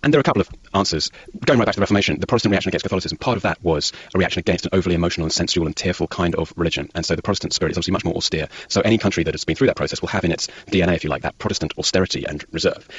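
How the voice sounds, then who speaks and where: A man's voice: sits low, rapid-fire, few pauses, slightly rough, no echo, lo-fi sound. A man, a historian, giving fluent, articulate explanations in an interview. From Britain. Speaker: historian guest.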